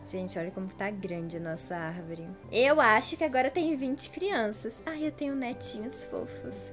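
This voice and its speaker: A woman giving casual gameplay commentary, chatty and exclamatory, talking straight to her viewers. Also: on the high side. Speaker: gameplay YouTuber.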